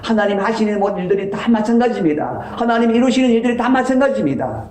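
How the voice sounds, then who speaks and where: Male pastor, sermon, emphatic repetition, lively swooping pitch, fairly high voice, roomy echo. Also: quick pace. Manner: emphatic, repeats key lines, voice swings up for stress. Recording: echoey church sanctuary.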